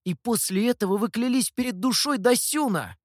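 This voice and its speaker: A man's voice: very high-pitched, moderate pace, no echo, clean studio sound, pitched above the performer's own voice. A man voicing an earnest, hot-tempered young male scribe in an audiobook, his tone pleading and indignant. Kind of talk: audiobook character voice.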